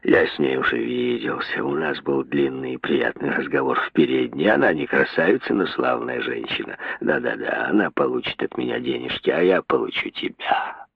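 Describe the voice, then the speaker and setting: A man voicing a drunken, lecherous young man who talks in a low, hoarse near-whisper. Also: expressive, normal speed, no echo, full character voice. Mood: leering. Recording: dry tinny phone-like sound.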